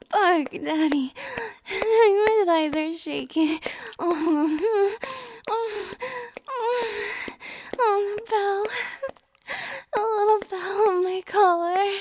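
A young adult woman performs an intimate audio roleplay in an extremely high voice, whispering softly with breathy sighs and a pleading, submissive delivery.

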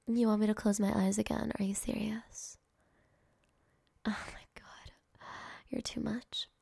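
A young woman whispering softly and affectionately to a partner in an ASMR roleplay, speaking close to the microphone. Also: mid-range voice, little pitch movement, measured pace, vocal fry, husky, no room sound. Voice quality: soft whispering, intimate and affectionate. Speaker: girlfriend in a roleplay.

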